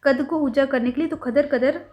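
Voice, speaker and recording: A young woman with a high, light voice teaches ayurveda. She turns each list into a playful little story, going over the lines again and again and correcting herself mid-word. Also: moderate pace, dull audio. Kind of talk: mnemonic lesson explanation.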